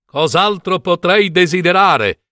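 Brief: earnest young storybook hero, bright and fairly high, read by a man. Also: lively intonation, measured pace, no echo, clean studio sound, heavily acted. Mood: shy.

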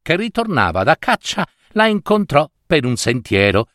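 A man reading a fairy tale aloud, lively and speaking directly to his listeners. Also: fairly high pitch, normal speed, dry recording, clean studio sound. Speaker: storyteller.

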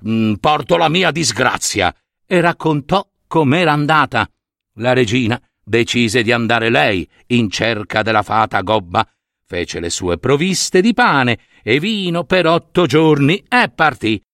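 A man telling a fairy tale, animated and talking to his listeners with little asides. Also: mid-range voice, unhurried, dry recording, studio quality. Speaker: storyteller.

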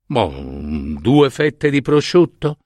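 A man's voice: mid-range voice, very animated, slow pace, no echo, studio quality. A man voicing a poor shoemaker's wife in a storybook reading, raising his voice to play a plain, practical woman. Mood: homely, practical.

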